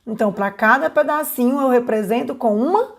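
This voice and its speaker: A woman teacher giving an online literacy lesson, patient and explanatory, often checking in with her listeners and slowing down to stretch out sounds. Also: a little high. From Brazil. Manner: slows down and stretches sounds when modeling syllables.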